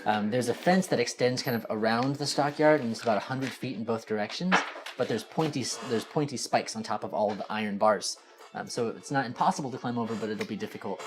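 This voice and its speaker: A man's voice: medium pitch, quick pace. A man narrating a tabletop role-playing game as game master in a hesitant, conversational way. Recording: faint background noise.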